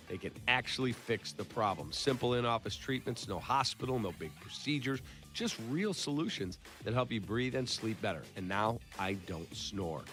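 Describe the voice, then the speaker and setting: A man's voice: fairly low pitch, a bit bright. A man reading a personal testimonial radio ad as a host endorsing a sponsor. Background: music.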